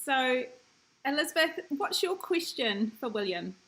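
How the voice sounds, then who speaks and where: A woman's voice: high voice, sing-song, measured pace, a bit bright, low-quality recording. A woman hosting a casual interview over a video call, asking questions and getting a little flustered. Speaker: host.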